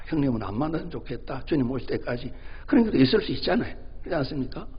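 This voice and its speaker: A man's voice: a little high, breathy edge. A male pastor preaching a sermon in a conversational way, often asking his congregation questions and acting out family dialogue while telling a joke. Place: church sanctuary. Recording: dull, reverberant church recording.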